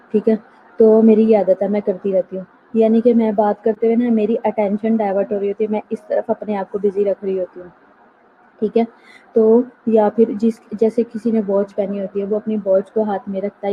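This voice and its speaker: Woman teacher doing an online nursing lecture, flat voice, tinny phone-ish audio w/ faint hiss. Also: medium pitch. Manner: explanatory, mixes English terms, reads slowly from notes.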